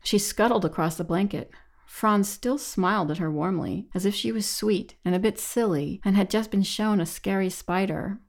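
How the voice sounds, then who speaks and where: A woman reading a novel aloud in measured, even audiobook narration. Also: mid-range voice.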